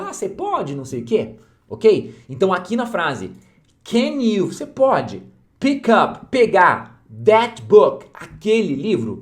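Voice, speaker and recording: A man teaches English to learners in a casual online lesson, checking in often with short questions and slowly repeating key phrases. His voice is a little high.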